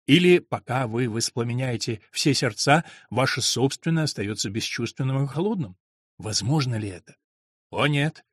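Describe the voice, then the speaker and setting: Reader putting on a brooding monk, low hushed intense voice, dry sound. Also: male voice, expressive, moderate pace, husky, no room sound. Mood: hushed, probing. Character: passionate middle-aged man, a brooding monk. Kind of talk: audiobook reading.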